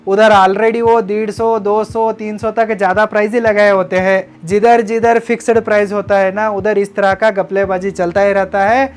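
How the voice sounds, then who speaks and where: High-voiced man giving business tips. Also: level tone, normal speed, few pauses, clean tone. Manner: instructive, addresses viewers as friends. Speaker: business educator. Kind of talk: scripted narration.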